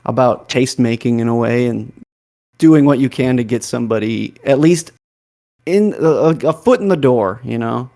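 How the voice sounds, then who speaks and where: A man on a casual podcast panel who works through his points slowly, wandering into asides as he goes. His voice has an ordinary middle pitch. He sounds conversational and unhurried. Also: warm tone.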